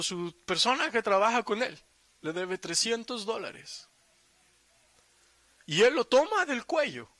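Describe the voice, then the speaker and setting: Male preacher, high-pitched, reads verses then drives points home with emphatic asides; dry, close recording. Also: sharp tone, dry recording. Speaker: pastor. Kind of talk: sermon.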